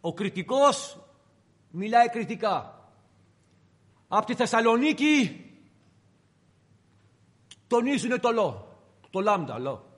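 A man's voice: very high-pitched, fairly bright tone, in a large hall. A man preaching a sermon, retelling the story dramatically and addressing the congregation directly.

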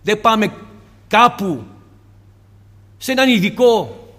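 High-voiced impassioned male preacher. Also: animated, big-room sound. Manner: impassioned, rhetorical questions, sudden drops to soft tone. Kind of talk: sermon.

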